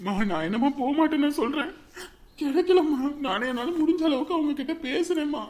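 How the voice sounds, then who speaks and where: A man's voice: extremely high pitch, animated, brisk, darkish tone. A young man acting an earnest, dutiful son and brother in a family drama. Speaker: actor.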